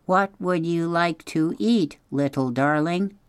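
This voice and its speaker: A woman's voice: low voice, measured pace, no room sound, studio quality, voice pushed up. A woman voicing a friendly, polite female robot in an audiobook, speaking formally without contractions. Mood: polite, earnest. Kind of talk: audiobook reading.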